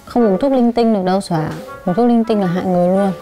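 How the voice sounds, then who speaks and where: A woman's voice: mid-range voice, fast talker, mellow, low-quality recording. A woman talking patiently with a young child, coaxing and reassuring. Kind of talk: gentle talk with a young child. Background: background music.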